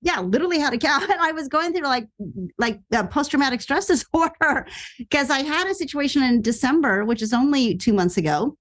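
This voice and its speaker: A middle-aged actress telling a story in a casual interview, acting out quoted lines with sudden jumps in pitch. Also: female voice, lively intonation, brisk. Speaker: actress and podcast guest.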